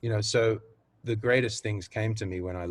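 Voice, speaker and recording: Man, Australian accent, low voice, earnest, reflective, singer and voice coach, interview guest. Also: steady tone, normal speed, no echo. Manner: earnest, reflective, trails off into restarts. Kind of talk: casual conversational interview.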